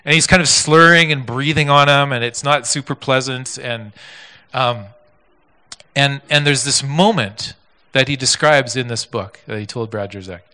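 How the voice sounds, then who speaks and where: Bright-voiced pastor preaching. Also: male voice, medium pitch, moderate pace. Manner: animated, repetitive, with many restarts. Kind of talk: sermon storytelling.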